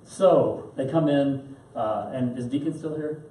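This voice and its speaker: A man's voice: medium pitch, unhurried, warm tone. A man teaching a Bible study class in a chatty lecture style, acting out quotes and chuckling often, recorded in a parish meeting room. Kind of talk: conversational lecture. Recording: echoey room, distant mic, faint noise.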